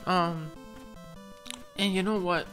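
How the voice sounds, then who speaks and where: A man's voice: high-pitched, fairly even intonation, takes it slowly, over music. A man doing let's play commentary, rambling through absurd improvised stories and swearing casually. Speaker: gaming commentator.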